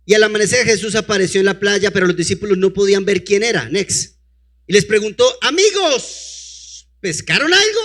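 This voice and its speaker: A male preacher with a high, bright, ringing voice delivers a sermon. He reads scripture aloud and keeps breaking off to fire rhetorical questions at his listeners, then calls for the next slide. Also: steady tone, fast talker. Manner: peppers reading with rhetorical questions to the congregation; calls out to a helper to advance the slides.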